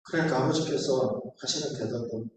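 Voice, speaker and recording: A man's voice: mid-range voice, a little fast, distant mic, a little hiss or hum. A male pastor preaching a sermon with earnest storytelling that builds to emphatic appeals. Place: church sanctuary. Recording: echoey church hall from afar, faint ambience.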